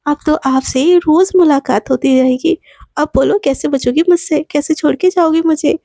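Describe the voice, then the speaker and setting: A woman's voice: sits high, moderate pace, gravelly, warm tone, no room sound, studio quality. A woman voicing a lovestruck, clingy young woman who pleads tearfully in a raised voice. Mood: teasing.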